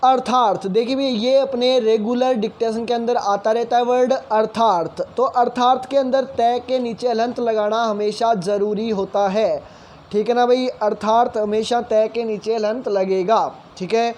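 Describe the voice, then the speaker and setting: Brief: high-pitched male teacher, patient and repetitive spelling drills. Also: fairly even intonation, normal speed, darkish tone. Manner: repeats points patiently, calls listeners brother. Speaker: shorthand teacher. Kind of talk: spelling lesson.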